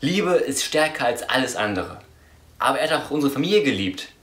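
A man's voice: mid-range voice, big pitch swings, fairly quick, fairly bright tone, echoey room. A man playing a cold, scheming mafia boss in an amateur audio drama, with a dry, mocking delivery.

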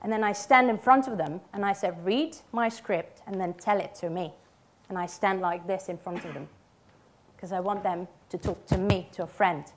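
A woman's voice: mid-range voice, normal speed. A woman in her thirties giving a conference talk, emphatic, with short punchy statements and check-in questions. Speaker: conference speaker, radio ad writer. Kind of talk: conference presentation. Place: theatre stage.

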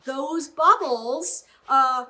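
A woman's voice: high-pitched, extremely slow, sharp tone. A middle-aged woman chef giving an upbeat cooking demonstration in a home kitchen, often checking in with "right?".

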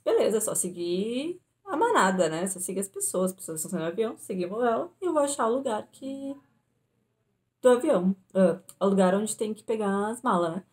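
Mellow-voiced young Brazilian woman vlogging. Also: mid-range voice, fairly quick. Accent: southern Brazilian Portuguese. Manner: animated retelling, acts out her own panicked pleas. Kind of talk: casual storytelling to camera. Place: indoors at home.

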